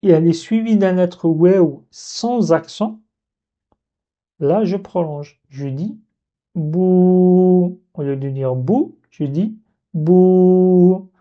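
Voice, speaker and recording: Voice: medium pitch, takes it slowly. A teacher giving a step-by-step language lesson, patiently repeating key points and drawing out example sounds. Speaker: Arabic teacher. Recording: dull lo-fi recording.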